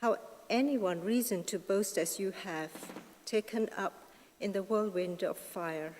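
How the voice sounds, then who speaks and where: A woman slowly reading scripture and leading responses at Mass, in a long cathedral echo. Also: mid-range voice, a little mellow, slight background noise. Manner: slow, measured reading. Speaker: reader at Mass. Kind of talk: liturgical reading and psalm responses. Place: large church. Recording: echoey church from far off.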